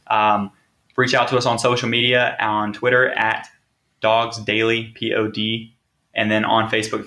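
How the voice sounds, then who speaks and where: A man's voice: lowish voice, bright, forceful tone. A man hosting a sports podcast, talking casually and driving points home with rhetorical questions. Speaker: podcast host.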